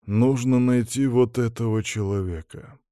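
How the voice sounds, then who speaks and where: A man voicing a cold, menacing emissary of chaos who speaks slowly and commands. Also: medium pitch, steady tone, dark tone, dry recording, clean studio sound, natural voice. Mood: commanding.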